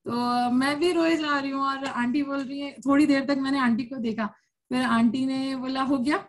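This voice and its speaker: A woman's voice: high voice, steady tone, normal speed. A woman in her thirties from India, telling her own story at a support circle in a room with an audience, in a candid, chatty way with frequent laughter. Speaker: cancer survivor sharing her story. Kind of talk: personal testimony at a support circle.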